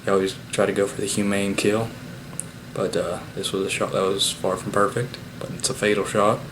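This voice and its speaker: A man hosting a casual hunting vlog, recapping the day at home in a relaxed, unhurried way with plenty of "uh" fillers. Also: fairly low pitch. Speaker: bowhunter and channel host. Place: at home after the hunt. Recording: steady background noise.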